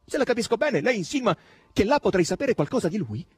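A fierce, pleading young woman, as a male audiobook reader lifts his voice for her. She swings between alarm and bitter resignation, pitched well above a man's speaking voice, in a dry close recording with a slightly husky edge. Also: big pitch swings, fast talker, no room sound, faint music behind, full character voice. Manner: raised, urgent and emotional. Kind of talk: audiobook reading.

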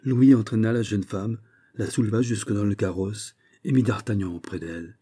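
A man reading a classic novel aloud in a measured, dramatic way, with a husky voice. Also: lowish voice, dark tone. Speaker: audiobook narrator.

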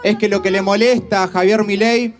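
A man's voice: high-pitched, fairly even intonation, a little fast, soft background music. An Argentine man, a youth organizer, giving an earnest, declaiming rally speech. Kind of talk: protest speech.

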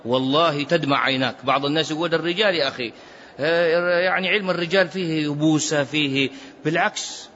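A man's voice: fairly high pitch, sharp tone. A man teaching a classical text as a sheikh, explaining in an emphatic lecturing way that rises sharply when he is stirred. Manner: chants Quranic verse in a melodic recitation. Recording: dull lo-fi recording with faint noise.

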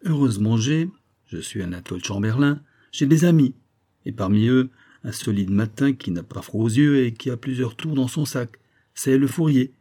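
A cool, scheming crook, voiced by a man reading an audiobook lays out his plans in calm, persuasive reasoning. The tone is dark and mellow, with a husky edge, and the pitch lifts higher than the reader's own. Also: moderate pace. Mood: calculating. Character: cynical scheming male criminal plotting a murder. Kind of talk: audiobook character voice.

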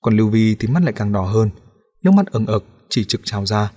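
Low, husky male audiobook narrator. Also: expressive, a little fast, a little mellow. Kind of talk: scripted narration of a novel.

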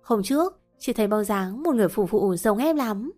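A woman's voice: medium pitch, lively intonation, moderate pace, mellow, soft background music, lightly acted. A woman voicing a sly young secretary who sweet-talks with a needling edge. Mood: sugary.

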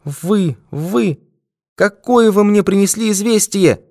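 A man reading an audiobook, voicing a young woman who cries out accusations in a shrill, raised voice. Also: normal speed, darkish tone, clear, resonant tone, no room sound, studio quality, lightly acted. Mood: accusing shrill. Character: young woman, frightened then defiant.

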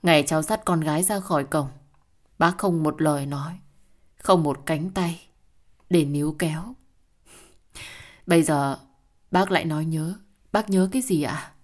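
A woman voicing a calm, defiant young mother who answers firmly and coolly in an audio story. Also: deep voice, normal speed, pauses often. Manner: firm, cool and cutting.

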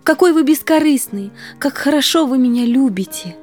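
A woman voicing an eager, excitable young girl. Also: high-pitched, normal speed, soft background music, pitched above the performer's own voice. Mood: earnest. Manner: breathless, exclamatory. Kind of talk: audiobook character reading.

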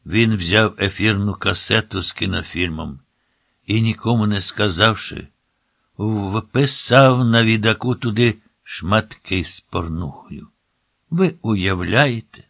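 An upset, indignant woman, voiced by a man reading a story, dragging out each word in disbelief. The tone stays low, and the reading is close and dry. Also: takes it slowly, gravelly, fairly bright tone, dry recording, exaggerated voice. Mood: incredulous.

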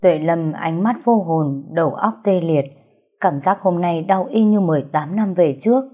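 A woman narrating a story in a steady, even reading voice. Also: fairly low pitch, normal speed, highs cut off. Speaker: audiobook narrator.

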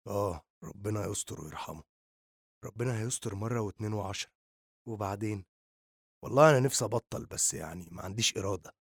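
A man voicing a joking teenage boy who smokes, with an Egyptian accent, speaking low and quietly in an audiobook reading. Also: quick pace, breathy edge, dry recording, studio quality. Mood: gentle teasing. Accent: Egyptian Arabic.

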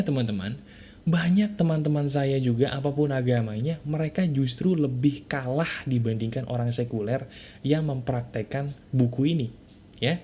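A man with a mellow, warm voice gives a motivational talk straight to the listener. He speaks casually and directly, tossing out rhetorical questions and tag words. He hammers his key points home by saying them again. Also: medium pitch. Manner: insistent, repeats key points.

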